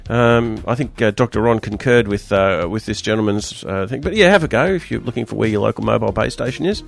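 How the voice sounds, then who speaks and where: Croaky Australian male radio host. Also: fairly low pitch, quick pace, faint music behind. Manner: chatty, loose, jokey banter. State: croaky, hoarse voice. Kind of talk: casual panel-show presenting.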